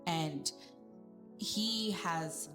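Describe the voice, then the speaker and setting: A woman's voice: on the low side, extremely slow. A young woman chatting casually as a podcast guest, telling stories and acting out what people said. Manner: animated storytelling, acts out quotes. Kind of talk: casual chat. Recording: echoey room with music behind.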